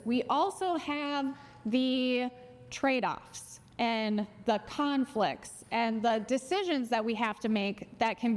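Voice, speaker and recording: Minnesotan woman speaking in a reverberant hall. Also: high-pitched. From Minnesota, USA. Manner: friendly, asks the crowd questions. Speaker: financial educator and speaker. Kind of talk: live presentation to an audience. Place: conference hall. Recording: long reverb of a large hall.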